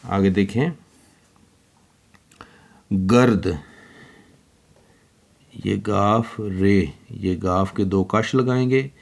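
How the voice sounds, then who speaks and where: A man with a fairly low voice teaches young children handwriting. He speaks very slowly and patiently, spelling out each letter one at a time as he writes. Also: gravelly.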